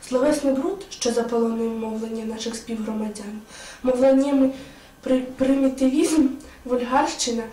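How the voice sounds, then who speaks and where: A woman's voice: fairly high pitch, mellow. Woman reciting from afar in an echoey hall. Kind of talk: scripted recitation at a school event. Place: school hall. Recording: echoey hall, distant mic, faint hiss.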